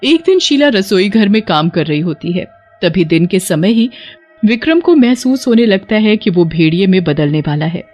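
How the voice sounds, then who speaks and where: A woman's voice: mid-range voice, sing-song, moderate pace, a little mellow. Woman narrating a storybook over faint music.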